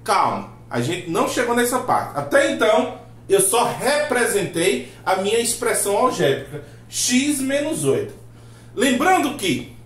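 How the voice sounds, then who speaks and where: A man's voice: high voice, a bit bright. A man teaching a math lesson, asking rhetorical questions and acting out his students' replies. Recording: roomy echo.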